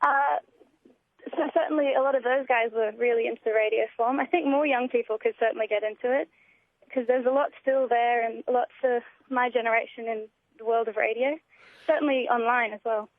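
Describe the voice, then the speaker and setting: A young adult Australian student writer, guesting on a laid-back radio chat by phone, sounds keen and gushing. Her fairly high voice holds a steady tone at a fairly quick pace, and the tinny, narrow line carries no room sound.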